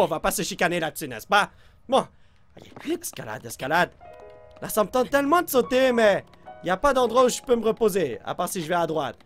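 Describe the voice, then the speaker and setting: An excitable man with a Québécois French accent, commenting on his own gameplay. His pitch leaps around in lively swings as he reacts loudly and chats to viewers, dropping in English exclamations. Faint game music plays underneath. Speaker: let's play host.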